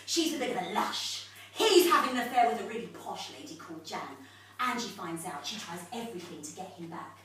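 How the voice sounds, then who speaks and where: A woman's voice: mid-range voice, lively intonation, a little fast, a bit bright, slight background noise, natural voice. A woman playing a chatty, starstruck would-be actress who performs a live comic monologue in a living room for an audience. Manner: chatty, theatrical, laughs often. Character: starstruck would-be actress hosting her own evening. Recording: echoey room, mic far off.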